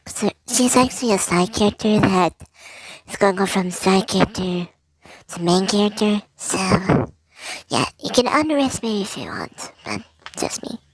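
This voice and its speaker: A man talking through a voice changer that makes him sound higher, chatting to viewers in a rambling, hesitant way about his characters. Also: sing-song, moderate pace, full character voice, rough recording. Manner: rambling, hesitant, many fillers and restarts. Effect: voice changer shifting his voice higher. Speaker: storyteller presenting original characters. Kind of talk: casual chat to viewers.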